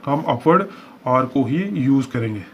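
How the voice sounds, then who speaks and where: A man's voice: medium pitch, unhurried, fairly bright tone. Man teaching, dull lo-fi recording. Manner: explains step by step, repeating examples. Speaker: shorthand teacher. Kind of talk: lesson walkthrough. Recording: dull lo-fi recording with faint hiss.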